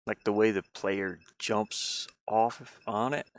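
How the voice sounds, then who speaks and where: This man speaks slowly in a fairly low, steady voice while demoing his own in-development game on a livestream. His chat is relaxed and meandering, and his sentences frequently trail away.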